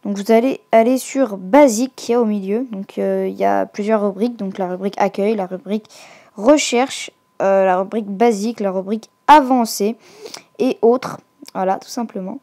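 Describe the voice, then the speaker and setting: A woman with a mellow, dark-toned voice walks viewers through a casual screen-recorded tech tutorial. She talks in a hesitant way, full of fillers, pauses and restarts, at an ordinary pitch. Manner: hesitant, filler-heavy, self-correcting. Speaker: YouTube tech channel host.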